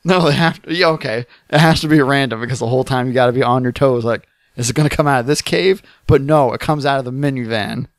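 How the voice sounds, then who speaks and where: A man's voice: mid-range voice, dry recording, clean studio sound. Jokey male podcast co-host. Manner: jokey, quick riffs, frequent laughs. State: tired. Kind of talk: casual chat.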